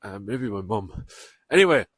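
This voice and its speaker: A low-voiced man rambles cheerfully through the end of his podcast, poking fun at his own fumbles. The sound is close and dry. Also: fairly even intonation, a little slow, dry recording. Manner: rambling, chatty, self-deprecating. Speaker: podcast host. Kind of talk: casual podcast outro. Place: outdoors on a walk.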